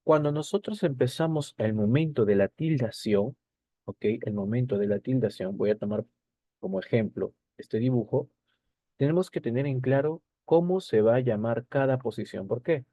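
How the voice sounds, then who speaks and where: A man's voice: medium pitch, moderate pace, warm tone, no room sound. A male teacher explaining a lesson over slides, repeating key points and checking in with short tag questions.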